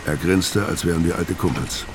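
Low-pitched and lightly acted, this male voice moves at a moderate pace over music. It belongs to a radio crime drama actor giving first-person narration as a world-weary, brooding, laconic tough guy in middle age.

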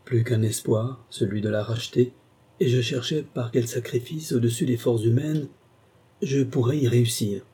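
A man's voice: mid-range voice, fairly even intonation, moderate pace, slightly rough. A man voicing a tormented old gambler who believes he sold his soul, speaking with impassioned, feverish intensity in an audiobook reading. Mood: grave. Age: older. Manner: impassioned, swings from grave confession to raging shouts.

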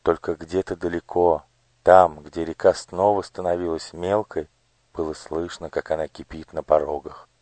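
Low-voiced guy reading a fairy tale, calm and even, dry close sound. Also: normal speed, dry recording. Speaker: audiobook narrator. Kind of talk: scripted storybook narration.

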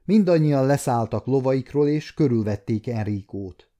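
Mellow-voiced male audiobook narrator. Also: mid-range voice, animated, dull audio. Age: 50s. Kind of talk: audiobook reading of a historical novel.

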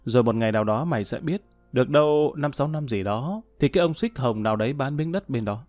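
A man voicing a gruff, sardonic middle-aged man, offhand and rough. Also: medium pitch, animated, fast, darkish tone, no room sound, faint music behind, lightly acted.

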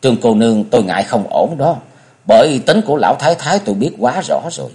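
A man's voice: medium pitch, very animated, warm tone, lightly acted. A man voicing a loyal, worried middle-aged woman servant in a storybook reading. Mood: anxious. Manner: hurried, worried.

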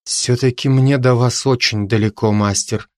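A man's voice: medium pitch, fairly even intonation, normal speed, a little mellow, dry recording, studio quality, lightly acted. A man voicing an earnest young male bard apprentice who speaks firmly.

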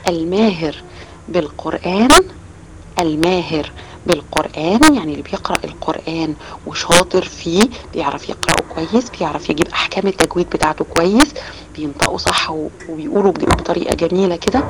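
Egyptian woman, children's teacher; brisk, questioning delivery; noisy recording with clicks. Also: fairly low pitch. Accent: Egyptian Arabic. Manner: explains with many rhetorical questions. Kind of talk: storytelling lesson for children. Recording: loud background noise with clicks.

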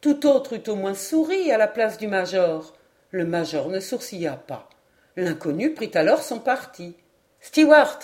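A woman narrating a classic novel for an audiobook, with an expressive, measured literary delivery. Her voice sits in an ordinary middle range for a woman. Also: mid-range voice. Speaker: audiobook reader. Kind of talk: scripted narration.

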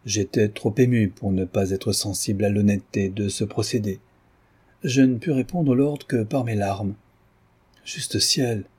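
Male narrator, measured reading, dark husky tone. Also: fairly low pitch. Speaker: audiobook reader. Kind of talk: audiobook narration.

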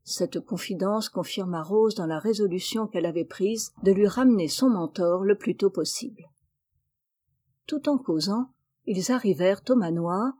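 A woman reads a classic novel aloud, measured and gentle. Her voice is mellow and warm with a soft, husky edge. The pitch sits in a plain middle range. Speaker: audiobook narrator. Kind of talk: scripted narration of a classic novel.

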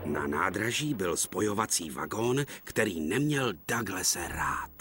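A man narrating a dubbed cartoon story in a scripted, expressive storybook style. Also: low-pitched. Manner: lively, expressive. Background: music.

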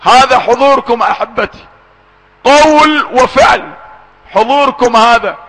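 A man with a very high voice preaches and chants a mourning lament. His tone is bright and forceful. He moves from brisk talk into slow, stretched-out chanting and now and then rises to a shout. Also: slight background noise, rough recording. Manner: switches between quick speech and slow drawn-out chanting, sometimes shouting.

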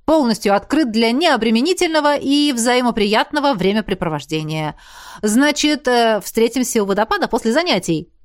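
A woman's voice: on the high side, expressive, normal speed, voice pushed up, close to an everyday voice. A woman voicing a cheeky, womanizing young male student who banters with exuberant, mock-grand flair.

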